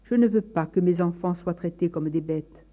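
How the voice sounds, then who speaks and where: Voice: medium pitch, normal speed, dull audio, natural voice. A reader voicing a frantic, fierce mother. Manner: urgent, commanding.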